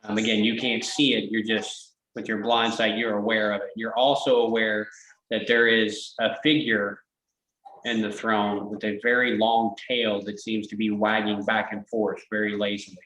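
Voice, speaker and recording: A man's voice: fairly low pitch, flat delivery, normal speed, fairly bright tone, echoey room, poor audio. A man running a tabletop game as game master, describing scenes in a hesitant way with many fillers.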